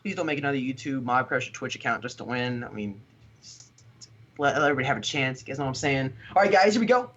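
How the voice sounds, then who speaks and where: An American man, a stream moderator, reads out giveaway rules and winners in a chatty, upbeat tone. His audio is a touch dull and lo-fi, as if from a stream call mic. He is neither high nor low in pitch. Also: expressive, fast, a bit bright. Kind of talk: casual livestream chat.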